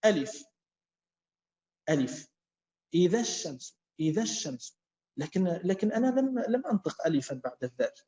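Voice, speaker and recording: A man with a high voice teaches a class. He speaks slowly, repeats key words and keeps quizzing his students. The sound is echoey and muffled. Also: a little mellow. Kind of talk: classroom lesson with student questions.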